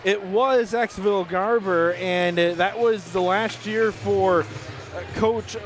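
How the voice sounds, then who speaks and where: High-voiced man calling hockey play-by-play. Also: fairly even intonation. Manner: rapid play calls, rising to shouts on shots. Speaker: play-by-play announcer. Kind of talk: live hockey play-by-play commentary. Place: ice rink press area.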